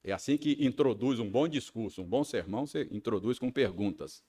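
A man's voice: medium pitch, expressive, a little fast, mellow, husky. A man with a Brazilian Portuguese accent preaching a sermon, telling a personal story with frequent tag questions. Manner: storytelling, acting out his own angry rehearsal. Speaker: pastor.

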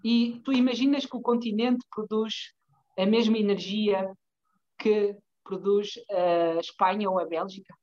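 A woman's voice: medium pitch, fairly even intonation, unhurried, darkish tone. A woman with a European Portuguese accent explaining her work in a conversational interview, often searching for words and checking that she is followed. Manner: hesitant, searching for words, frequent checking tags. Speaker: interview guest, development bank professional. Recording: dull, lo-fi call audio.

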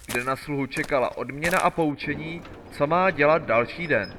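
A man narrating a fairy tale in a measured, storytelling manner. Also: on the high side. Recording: loud background music.

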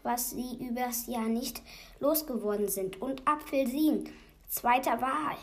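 A nervous, hurried man in a children's storybook, put on by a woman reader. He hushes and scolds in a raised, agitated voice. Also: a little high, pitched above the performer's own voice. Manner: agitated, hushing. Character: nervous, hurried male organizer.

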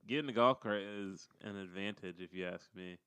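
A man with a low, clean, smooth voice joins in a casual podcast chat as co-host. He teases bluntly, ribs his partner and breaks into laughter often. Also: normal speed, pushed and bright, no room sound. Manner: teasing, laughs a lot, blunt.

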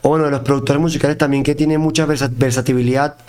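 Speaking quickly in a mid-range, clear, resonant voice with a slightly mellow quality and fairly even intonation, a man is the guest in a relaxed conversational interview. He's a singer and producer whose Venezuelan accent carries Mexican slang, and his talk is informal and full of profanity.

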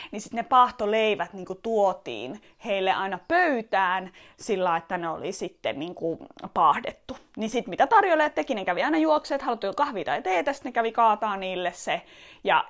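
A woman from Finland tells a personal story in a loose, conversational way. She circles back and restarts her sentences often. Her humor is wry and self-deprecating. Her voice sits at an ordinary middle pitch. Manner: chatty, rambling, lots of fillers and restarts.

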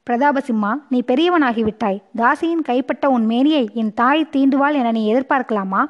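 A proud, grieving queen mother who scolds with impassioned force in an audiobook story, as a woman reads her part. The voice sits high. The recording is dull and lo-fi. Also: moderate pace, close to an everyday voice. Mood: reproachful.

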